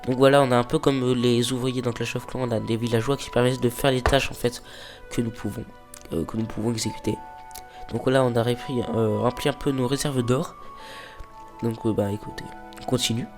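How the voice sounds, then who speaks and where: With music underneath, a brisk man speaks in a steady, mid-range tone while playing a mobile game for his let's play. A cold has stuffed up his nose; his commentary is casual and hesitant, packed with fillers, and he reads game dialogue aloud at times.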